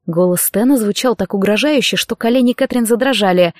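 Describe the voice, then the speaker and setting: A woman narrating a story in a tense, expressive reading. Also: fairly high pitch, brisk, no room sound, clean studio sound. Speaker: audiobook narrator. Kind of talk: scripted narration.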